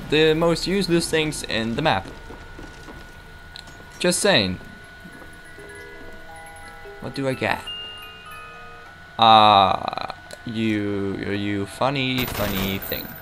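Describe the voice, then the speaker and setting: Noisy game audio runs behind a young gameplay commentator with a slightly bright, mid-range voice. He chats casually and rambles, often joking at his own expense.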